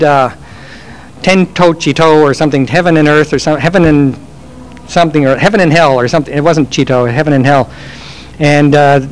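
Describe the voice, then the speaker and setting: Talker with a lightly raised pitch, chatty and self-mocking, fielding audience questions on stage. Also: male voice, low-quality recording. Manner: rambling, chatty, self-deprecating humor. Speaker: game industry speaker. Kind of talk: live Q&A storytelling.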